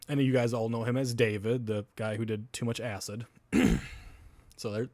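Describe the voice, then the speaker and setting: A man's voice: mid-range voice, flat delivery, moderate pace, a little mellow, dry recording. A man from Wisconsin with a Wisconsin accent, rambling in casual live-stream chat with viewers, laughing often and swearing casually.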